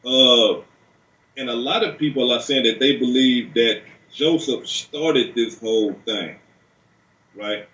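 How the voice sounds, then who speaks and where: A man's voice: mid-range voice, takes it slowly, long pauses, bright, forceful tone. A man conducting an informal interview with probing, clarifying questions. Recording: distant, echoey, muffled room sound.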